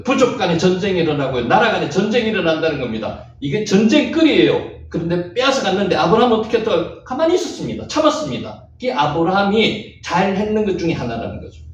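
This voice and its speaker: A man's voice: sits high, highs cut off, slight background noise. A man giving a Bible lecture, stressing key words by repeating them and quizzing his listeners. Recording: very echoey room, mic far off.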